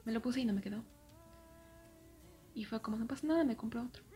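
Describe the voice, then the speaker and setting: A young woman with a Mexican accent telling a personal story in a casual way, often dropping into soft, near-whispered asides. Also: on the high side, fairly even intonation, fairly quick.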